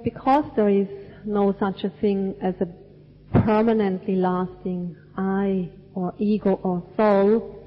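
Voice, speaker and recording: A woman from Switzerland gives a dharma talk at a very unhurried pace, weighing each short phrase. Her voice trails off into the long reverb of a large cinema hall. The recording sounds dull and lo-fi. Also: mid-range voice. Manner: slow, measured, deliberate phrasing. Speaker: Buddhist teacher.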